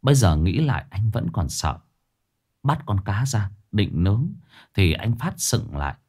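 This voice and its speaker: A man's voice: fairly low pitch, big pitch swings, unhurried, a little mellow, breathy edge. A man narrating a ghost story dramatically.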